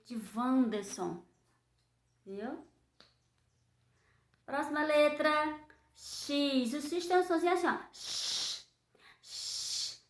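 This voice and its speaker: A woman teacher, giving a children's phonics lesson and sounding out letters slowly in a sing-song way. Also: high-pitched. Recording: echoey room.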